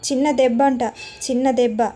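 Brief: woman reading as an anxious young mother, tender and fussy, high-pitched. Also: flat delivery, a little fast, dark tone, soft background music, natural voice. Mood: worried. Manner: fretful, tender.

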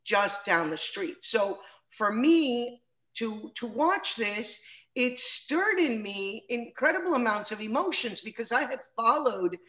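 A woman's voice: a little high, animated, a little slow, a bit bright, low-quality recording. A middle-aged woman moderating an interview over a video call from a room at home, speaking in an earnest and personal way.

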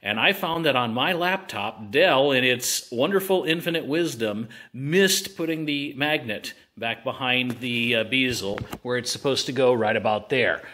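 A hobbyist sits at his home dining room table, filming a casual how-to on his phone about repairing a laptop. His mid-range voice sounds pushed and bright, a little slow with hardly any pauses, as he rambles in a folksy way with jokey asides.

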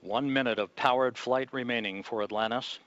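A mid-range male voice narrates a launch live from mission control, keeping a calm, measured announcer's delivery. The audio sounds dull.

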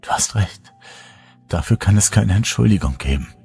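A woman's voice: very deep voice, animated, normal speed, creaky, warm tone, breathy edge, faint music behind, heavily acted. A man voicing a pale, exhausted young woman in a whispered role-play, speaking barely above a whisper and sounding weary and afraid. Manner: faint, weary and fearful. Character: exhausted hollow ghostly young woman, fearful.

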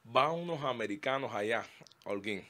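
A Cuban man speaks with a bright, lively tone and a Cuban Spanish accent. He tells stories in a casual interview at a middle pitch, wandering through his memories. His sentences often stop and restart. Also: moderate pace. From Cuba. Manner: rambling, frequent restarts, laughs warmly. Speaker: guest singer and pastor.

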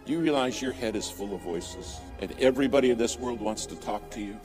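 A man preaching a sermon, telling a dramatic story and driving points home by repeating key words and slowing down. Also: medium pitch, a little mellow, long reverb tail, faint music behind.

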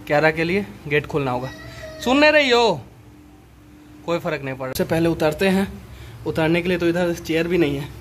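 A man's voice: on the high side, fairly bright tone, a little hiss or hum. A man in his thirties filming a casual family vlog in a small room at home, pleading with his wife and sounding exasperated. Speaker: vlogger husband. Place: small home bedroom, indoors.

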